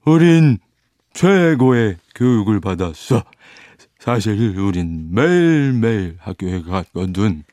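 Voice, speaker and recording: Mournful old Mock Turtle, swooping theatrically. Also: male voice, lowish voice, very animated, darkish tone, no echo. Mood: mournful, wistful. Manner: drawn-out, halting delivery broken by heavy sighs. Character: mournful, self-important old male turtle, sighing storyteller. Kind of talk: theatrical storybook reading.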